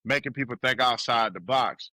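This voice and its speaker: Man in his 30s, Southern US accent, rapper guest, laid-back, stumbles and repeats, bright voice, dry close sound. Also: medium pitch, normal speed, no echo. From South Carolina. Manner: laid-back, repeats words, lots of shout-outs. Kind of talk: casual interview chat.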